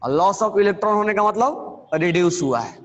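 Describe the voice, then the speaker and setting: Man, chemistry teacher, mix, repeats key words slowly, quizzes students, high voice, hall reverb. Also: expressive, fairly bright tone, muffled recording. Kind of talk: classroom lecture.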